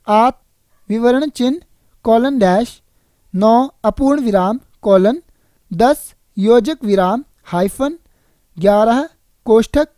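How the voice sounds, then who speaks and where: A woman reading a scripted grammar lesson in an even, measured way. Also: a little high, dry recording, studio quality. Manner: even, measured read-aloud delivery. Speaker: Hindi grammar tutor.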